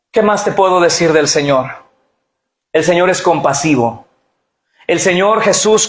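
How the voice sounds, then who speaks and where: A middle-aged man preaching a sermon, urging the congregation to repeat phrases aloud. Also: sits high. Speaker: pastor. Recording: echoey church hall with music.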